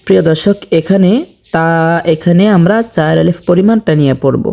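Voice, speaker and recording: A man teaching Quran recitation step by step, explaining slowly and deliberately. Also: fairly high pitch, vocal fry, dark tone. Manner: slow, deliberate explanation with drawn-out sample recitation.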